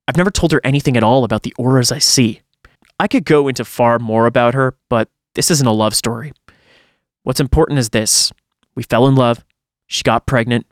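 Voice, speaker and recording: In clean studio sound with no echo, a medium-pitched man reads a first-person horror story aloud. He tells it dramatically, in the manner of a podcast host.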